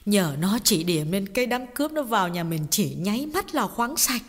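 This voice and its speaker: A woman voicing a grieving middle-aged mother in an audiobook drama, telling a painful story in a tearful, halting way with repeated words. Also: medium pitch, sing-song. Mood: bitter. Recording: long reverb with background music.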